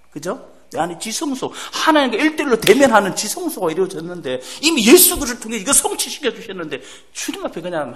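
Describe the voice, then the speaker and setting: Middle-aged male missionary preacher, high and lively voice, folksy sermon delivery. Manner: animated, folksy storytelling with acted prayers and laughs. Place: church sanctuary.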